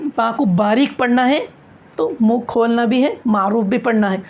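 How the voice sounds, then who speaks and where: A woman's voice: on the high side, moderate pace, dull audio. A woman teaching a recitation class, repeating each point and asking and answering her own questions. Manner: repetitive, drilling, asks and answers own questions. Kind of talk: classroom tajweed lesson.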